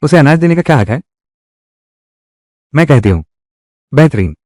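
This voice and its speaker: A man's voice: on the high side, big pitch swings, moderate pace, mellow, no echo, studio quality. A man voicing heated, scolding family quarrels in dubbed drama dialogue. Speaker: voice actor dubbing a village family drama.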